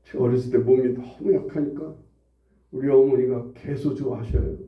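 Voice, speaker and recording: A pastor in his forties preaching a conversational sermon in a church, swinging between hushed asides and loud, high outbursts. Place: church sanctuary. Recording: roomy, distant, dull church recording.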